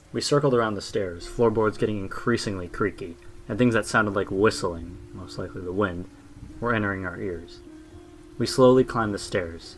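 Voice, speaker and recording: A man tells a creepy story in a low, quiet voice, letting the grim details settle. His pitch sits on the deep side, and he keeps a steady storyteller's hush. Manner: low, hushed storytelling with dark asides. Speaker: narrator. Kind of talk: horror story narration.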